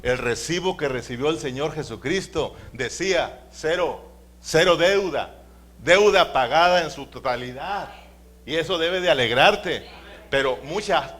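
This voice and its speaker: A man's voice: on the high side, a bit bright. A man preaching a sermon in a church, emphatic, calling his listeners brothers and asking them to repeat after him.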